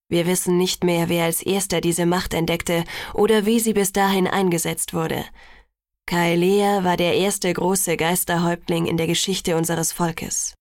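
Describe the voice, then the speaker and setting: Brief: woman reading old elder telling legends, solemn and measured, dry close sound. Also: on the low side, no echo, lightly acted. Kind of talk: audiobook reading.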